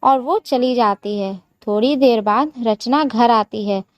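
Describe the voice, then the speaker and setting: A woman narrating a moral story, reading slowly in a slightly high voice. The recording is dry and a little dull, with no room sound. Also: dry recording. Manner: slow, even storytelling.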